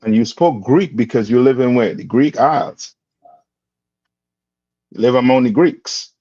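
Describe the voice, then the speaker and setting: A man leads a call-and-response religious class, quizzing his students and prodding them for answers. His mid-range voice is a little slow with a dark tone. The dull, dry lo-fi recording has no room sound.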